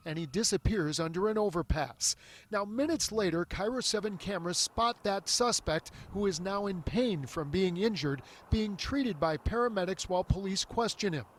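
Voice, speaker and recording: A man reporting live for the news from outdoors at a busy intersection, with steady, urgent newscaster delivery. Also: high voice. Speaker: field reporter.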